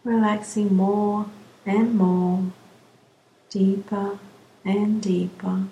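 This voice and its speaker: Woman, relaxation guide, very slow soothing delivery, mellow tone, roomy echo with faint hiss. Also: medium pitch, little pitch movement, muffled recording. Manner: slow, soothing, drawn-out phrasing.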